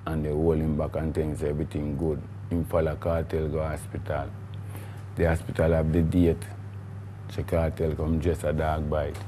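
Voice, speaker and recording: Deep Jamaican man, rambling studio guest. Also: monotone, normal speed, dark tone, slight background noise. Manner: rambling, emphatic with patois phrasing. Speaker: guest, recording artiste. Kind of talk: studio interview.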